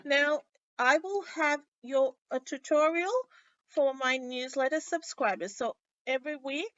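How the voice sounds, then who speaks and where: A woman hosting a casual live craft tutorial, sounding nasal and a little sick, chatting in a halting way with many pauses. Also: sits high, a bit bright, no room sound. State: under the weather with a stuffy, sick-sounding voice. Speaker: host of a weekly craft livestream. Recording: dull, lo-fi livestream audio.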